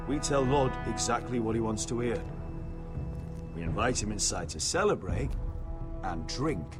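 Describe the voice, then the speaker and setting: An actor playing a bitter, determined young lord in a game drama, speaking forcefully and resolutely. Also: male voice, on the low side, animated, normal speed, natural voice. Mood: scheming, resolute. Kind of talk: dramatic video game acting. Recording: music behind the voice.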